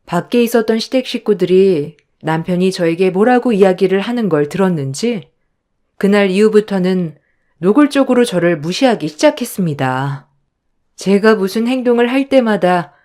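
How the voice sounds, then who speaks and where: Woman narrating her story, confiding, pitch swings around a lot. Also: darkish tone. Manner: confiding, first-person storytelling.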